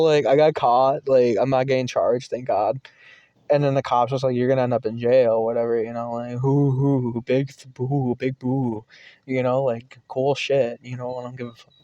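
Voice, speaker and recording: A man's voice: mid-range voice, mellow, dry recording, lo-fi sound. Rambling, swearing young man telling a story. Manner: rambling, swears freely, lots of fillers. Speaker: vlogger. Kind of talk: casual storytime.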